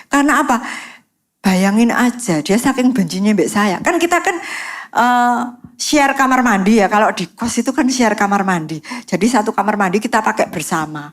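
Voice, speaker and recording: A woman with an East Javanese accent giving a personal testimony in church, telling her story in a lively way and sprinkling English phrases in. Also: mid-range voice, normal speed. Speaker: guest speaker.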